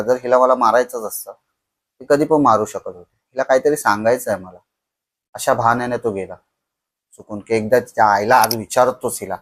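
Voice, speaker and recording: A young man telling a horror story on a podcast, slow and dramatic, dropping to a hush at tense moments. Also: medium pitch.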